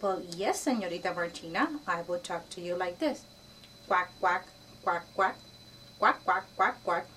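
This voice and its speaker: A woman voicing a nervous young male duck who courts with steady quacking, recorded from a distance with faint noise behind. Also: on the low side, a little slow, pitched below the performer's own voice. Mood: earnest.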